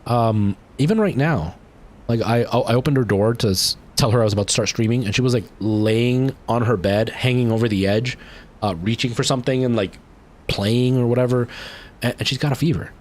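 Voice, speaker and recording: A young man winds down his game stream with a loose, rambling chat to viewers, full of fillers and false starts. He keeps a moderate pace, and his pitch rises whenever excitement takes over.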